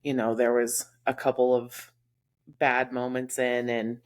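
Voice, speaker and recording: A woman's voice: extremely low pitch, flat delivery, measured pace. A woman from Texas with a Texas accent, co-hosting a podcast and talking candidly about friendships with many fillers. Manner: candid, heartfelt, lots of fillers. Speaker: podcast co-host. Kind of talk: casual chat.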